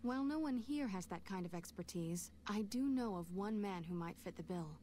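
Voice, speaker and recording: A woman voicing a calm, helpful woman doctor at a clinic in a game, speaking kindly and patiently. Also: mid-range voice, brisk, slight background noise, lightly acted. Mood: gentle. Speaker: game character.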